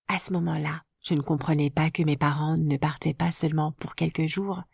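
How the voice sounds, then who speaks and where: A woman calmly narrating a first-person life story in a scripted, even storytelling voice. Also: fairly low pitch, no room sound, studio quality.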